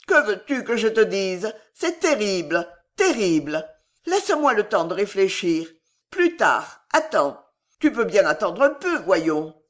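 A woman's voice: mid-range voice, very animated, unhurried. A woman voicing an agitated, imperious middle-aged queen in a read-aloud historical novel, with pleading and commanding outbursts. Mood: anguished.

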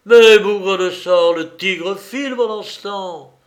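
A man voicing a furious, imperious nobleman, exclaiming loudly in an audiobook reading. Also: sits high, takes it slowly, pitched above the performer's own voice. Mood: alarmed, angry. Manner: shouting, exclaiming in anger.

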